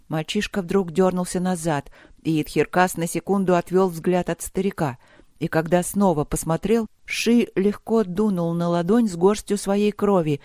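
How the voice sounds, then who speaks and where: An audiobook narrator reading a dark fantasy battle in a measured, dramatic storytelling manner, close to the mic. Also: medium pitch, no echo. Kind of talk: scripted narration.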